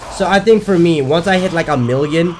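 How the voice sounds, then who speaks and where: A man chats casually while streaming a game, his voice slightly higher than most men's and worn out from daily streaming, so he is losing it. He rambles, doubles back and swears casually between moves. He talks a little fast in a darkish tone, with a little hiss or hum in the audio.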